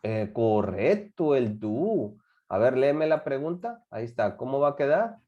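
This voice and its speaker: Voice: mid-range voice, sing-song, a little slow. An English teacher giving a classroom lesson, repeating and acting out example phrases. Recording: dull lo-fi recording.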